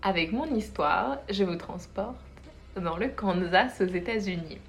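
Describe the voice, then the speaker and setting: A young woman with a slightly low voice tells a haunted-house story to her friends. She talks casually and lively, slowing down for dramatic effect and laughing easily. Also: gravelly, a little hiss or hum.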